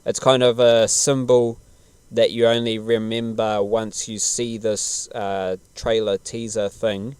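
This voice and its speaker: A man's voice: lowish voice, flat delivery, slow pace, a little mellow, clear, resonant tone, dry recording. A man chatting casually as a podcast host, laid-back, slangy and rambling. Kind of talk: casual podcast chat about television.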